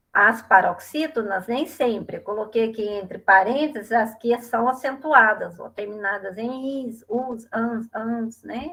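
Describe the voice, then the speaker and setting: A middle-aged woman with a Brazilian Portuguese accent, teaching an online class and explaining step by step, often checking in with a quick tag question. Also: a little high, fairly bright tone.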